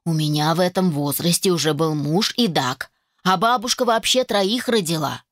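A fussy, doting middle-aged mother who nags and insists, voiced by a woman reading an audiobook. Her voice sits a little low and is recorded close and dry, with no room around it. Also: moderate pace, no echo, lightly acted. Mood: nagging. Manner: nagging, insistent. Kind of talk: audiobook character voice.

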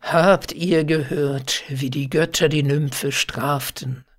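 A man voicing a shepherd who tells a solemn old song, slow and husky. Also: on the high side, fairly even intonation. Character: old storytelling shepherd singer.

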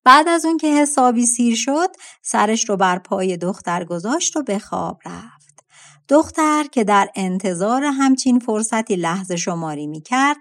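A woman narrating a fairy-tale audiobook in a calm, measured storytelling voice. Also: medium pitch.

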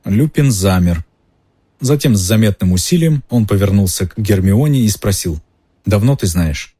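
Reader a man narrating a novel, low dark husky voice, steady delivery. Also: normal speed. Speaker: audiobook reader. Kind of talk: reading a novel aloud.

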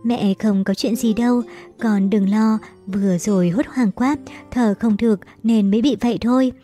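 A sickly, loving older mother, pleading and breathless with her son, as a woman reads her. The voice is mellow and soft, with faint music underneath in this storybook reading. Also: medium pitch, fairly even intonation, moderate pace, lightly acted. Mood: tender.

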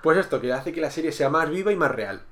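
A man co-hosting a podcast chats casually about a TV series in a fairly high, fairly bright voice with lively intonation, talking fast. He rambles with many restarts and repeated words and acts out the characters' lines as quotes. There's slight background noise.

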